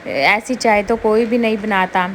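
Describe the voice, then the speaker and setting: A woman's voice: medium pitch, fairly even intonation, measured pace, a bit bright, slight background noise, natural voice. A woman voicing a harsh, domineering middle-aged mother-in-law who scolds and bosses her daughters-in-law. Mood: scolding. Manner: scolding, bossy.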